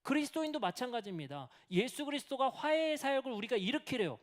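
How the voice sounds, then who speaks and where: A male senior pastor delivering a sermon in a high, lively voice that leaps up and down. He fires off rhetorical questions, tells anecdotes with acted dialogue and drops to a whisper when he wants to stress a point. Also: fast. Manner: animated preaching with rhetorical questions.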